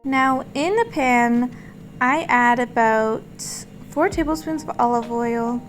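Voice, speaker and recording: A woman with a fairly high voice that has a slight scratch from a sore throat. She narrates a home recipe in a casual, chatty way, explaining as she goes, with music playing behind her. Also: takes it slowly. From Portugal. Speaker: home cook hosting a recipe vlog. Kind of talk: casual cooking voice-over. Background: background music.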